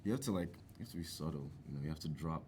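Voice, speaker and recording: A man's voice: a bass voice, lively intonation, rapid-fire, heavy background noise. A man guesting on a casual podcast, joking playfully. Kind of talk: casual chat.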